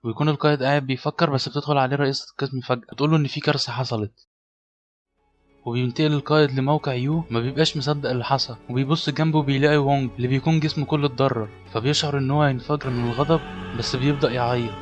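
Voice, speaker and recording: Rapid-fire Egyptian Arabic narrator, man. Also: mid-range voice, steady tone. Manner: rapid, brisk storytelling. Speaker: manhwa recap narrator. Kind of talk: scripted story recap narration. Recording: slightly dull lo-fi audio, faint music.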